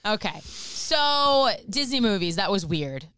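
Podcast host, woman in her thirties, chatty and animated, mid pitch, dry close mic. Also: smooth, dry recording. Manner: chatty, animated, quick-tongued. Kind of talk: casual banter.

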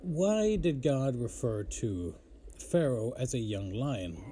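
A man's voice: mid-range voice, animated, slow pace, dark tone, a little hiss or hum. A man hosting a casual Bible teaching show, informal and easily amused, often breaking off to apologize and laugh at himself.

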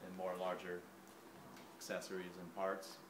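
Filming handheld on his phone, a thirty-something shop tour guide strolls through a big indoor parts warehouse and rattles off items. His voice is low-pitched and monotone at normal speed, with echo and a faint hum around him.

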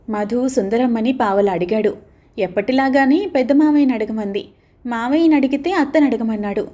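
A woman's voice: fairly high pitch, warm tone. A woman narrating a novel aloud as an audiobook reader. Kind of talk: scripted narration.

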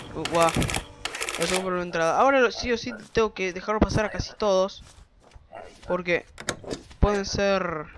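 A man giving casual, rambling game commentary from his bedroom, excitable and quick to swear. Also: high voice, noisy background. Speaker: gameplay commentator. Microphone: desk microphone.

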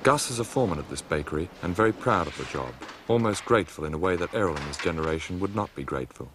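A man with an Australian accent reading scripted documentary narration in a measured, dry way. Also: low voice, animated. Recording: noisy old documentary film audio.

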